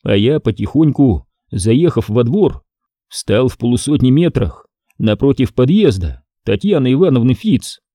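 A man narrating a detective audiobook in the first person, with wry, lively storytelling. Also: medium pitch, unhurried, no room sound, studio quality. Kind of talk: scripted narration.

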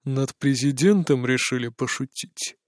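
A man reading an audiobook voices a stern middle-aged male chief of presidential security, slow, low and cold. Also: steady tone, dark tone, dry recording, studio quality, natural voice. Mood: menacing. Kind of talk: audiobook character voice.

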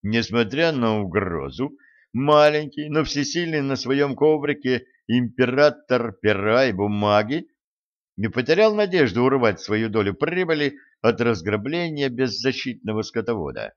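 A male narrator with a mid-pitched voice reads an adventure novel in steady, measured scripted narration. The recording sounds slightly dull and lo-fi. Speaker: audiobook narrator.

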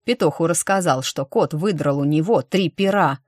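A curt, sneering young mage in an audiobook, as a woman reader puts him on. The voice sits low and dark. It is recorded close and dry with no room sound. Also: normal speed, dry recording. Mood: scornful. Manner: curt and scornful. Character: arrogant sullen young male mage.

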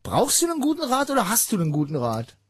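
Male call-in radio host, rambling jokey delivery, high husky voice. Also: wildly swooping pitch, fast, no echo. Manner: rambling, joking, many filler sounds.

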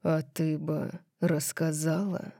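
Casting: woman voicing a low, gruff male vampire tutor for an audiobook, slow, dark tone, flat delivery. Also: dry recording, studio quality, heavily acted. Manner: low, rough, clipped. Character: brooding male vampire teacher, gruff, restrained.

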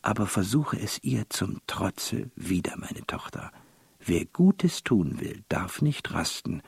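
A proud, commanding queen mother, as a man reading the tale puts her on, stern and measured. The voice is gravelly and husky with a slow, lively-pitched delivery. Close, dry recording. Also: dry recording, exaggerated voice. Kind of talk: literary reading.

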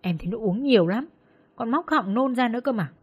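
A woman's voice: fairly high pitch, lively intonation, fairly quick, husky, highs cut off. A woman voicing a spiteful, jealous hostess who sneers and taunts in an audiobook story. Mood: tattling.

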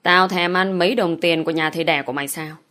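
Drunken village father, cursing and threatening, lowish voice, read by a woman. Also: steady tone, quick pace, bright, forceful tone. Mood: raging.

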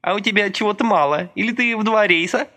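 A man's voice: high-pitched, fast talker, pushed and bright, voice pushed up. A man voicing a brash, mocking working woman. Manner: brash, sardonic, blunt.

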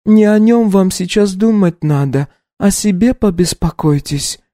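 A man voicing a serious, caring middle-aged housekeeper in a hushed, raised voice, audiobook style. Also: sits high, animated, unhurried, no echo, clean studio sound, voice pushed up. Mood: grave.

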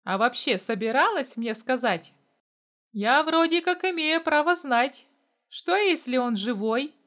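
A woman's voice: fairly high pitch, expressive, moderate pace, natural voice. A woman voicing a jealous, stubborn young man in an audiobook, speaking in an irritable, defiant way. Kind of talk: audiobook dialogue.

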